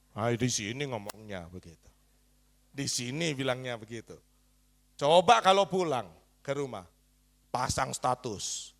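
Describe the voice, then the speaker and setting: A male pastor preaching a sermon, firing rhetorical questions at the congregation and coaxing them with a teasing, lively delivery. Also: sits high.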